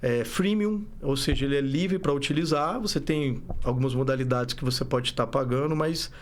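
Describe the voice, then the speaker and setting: A brisk male voice of medium pitch belongs to a Brazilian startup founder guesting on a podcast. He speaks with a Minas Gerais accent, having been born in Rio and raised in Belo Horizonte. His relaxed speech is rambling and self-correcting, full of restarted sentences and repeated "né?".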